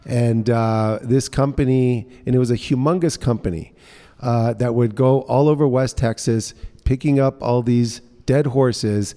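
A middle-aged man, an interview guest and social entrepreneur from Guatemala, England and mostly New Orleans, USA, tells informal personal anecdotes in an indoor co-working space. His mid-range, mellow voice keeps fairly even intonation at a measured pace. The reverberant room adds a long echo.

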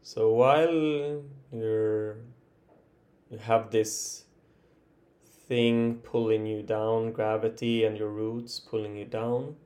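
Speaking at a fairly low pitch in a steady tone, this meditation teacher guides listeners through an improvised body relaxation. He moves gently and haltingly, with long pauses between phrases.

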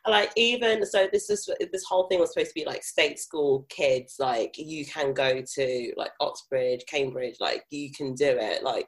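A woman's voice: very deep voice, rough recording. A young adult woman with a mild South London accent, chatting candidly and informally as she tells personal stories in an interview. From South London, England. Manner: informal, frequent swearing and filler "like". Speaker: interview guest. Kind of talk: candid casual chat, telling personal stories.

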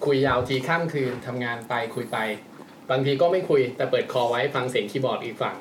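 Quick-talking man telling a ghost story. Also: medium pitch, roomy sound, recorded from a distance, a little hiss or hum. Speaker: podcast co-host reading a story. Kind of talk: casual storytelling.

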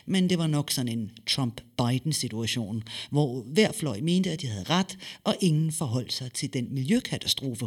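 Husky guy narrating a story, lively, plays with his pitch, dramatic pauses. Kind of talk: storytelling audiobook reading.

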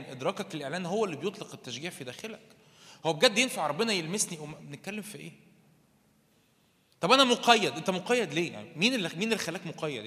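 Young Egyptian preacher, fast and fervent, bright and forceful tone, asks and answers his own questions. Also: a little high. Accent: Egyptian Arabic. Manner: fervent, rising to loud emphatic peaks; asks the crowd questions and answers them himself. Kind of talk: sermon. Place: church meeting hall. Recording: long hall reverb.

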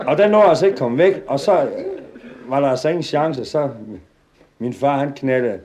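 A man tells a comic anecdote to a live audience, lively and often chuckling. His voice sits at a plain middle pitch. Faint noise and clicks are heard behind him. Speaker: storyteller.

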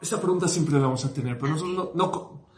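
A man's voice: fairly high pitch, fast talker. A man, a rabbi telling a story in a sermon to his weekly class, acting out the characters' lines and repeating words for emphasis. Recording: echoey room with faint noise.

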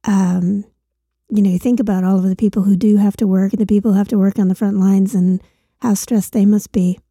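A woman co-hosting a podcast in casual chat, with a gravelly voice from a chest infection. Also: medium pitch, steady tone, brisk, dark tone, no room sound, studio quality. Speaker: podcast co-host.

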